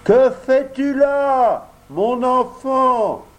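Kindly big pigeon in a storybook, read by a man; gentle, slow, mellow. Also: on the high side, animated, low-quality recording. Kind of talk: audiobook character voice.

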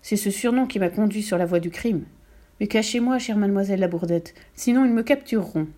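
A woman's voice: mid-range voice, a little fast, dark tone, close to an everyday voice. A woman voicing a bearded brigand chief who cries out and pleads in a storybook reading. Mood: pleading. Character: brigand chief, gruff man in panic.

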